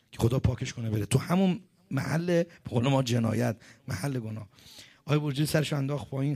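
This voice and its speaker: Man, preacher, dramatic storytelling sermon, loud then hushed. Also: mid-range voice. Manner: dramatic storyteller, swings between loud outbursts and hushed lines.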